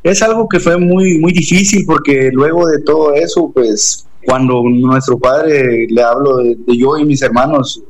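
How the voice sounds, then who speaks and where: Young man, Guatemalan Spanish accent, earnest, hesitant, lots of pauses and restarts, mid-pitched voice. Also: low-quality recording. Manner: earnest, hesitant, many restarts and fillers like "pues". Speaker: interview guest. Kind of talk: personal testimony.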